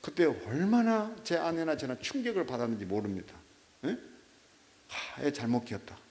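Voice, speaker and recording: A middle-aged pastor delivers a sermon full of animated storytelling, nudging his listeners with quick rhetorical checks. His mid-range voice is very animated and somewhat dark in tone.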